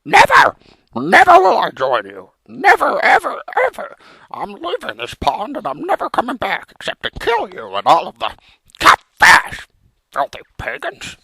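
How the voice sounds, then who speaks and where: A man voicing a melodramatic, vengeful frog hero in theatrical comic storytelling, with a gravelly cartoon-like voice. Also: high voice, wildly swooping pitch, fairly quick, few pauses, a bit bright, no room sound, exaggerated voice, low-quality recording. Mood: outraged. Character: melodramatic, vengeful male frog hero telling his journey.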